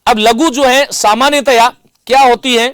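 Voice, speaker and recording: High-voiced man teaching, dry sound. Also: steady tone, fairly bright tone, dry recording. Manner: explains carefully, often repeats reminders and slowly demonstrates sounds. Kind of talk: classroom lecture.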